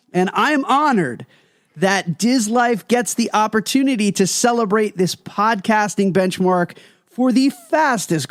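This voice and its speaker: A man hosting a podcast, upbeat and enthusiastic, with jokes and quick banter. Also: high voice, no echo, studio quality. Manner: energetic, joking, enthusiastic. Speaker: podcast host.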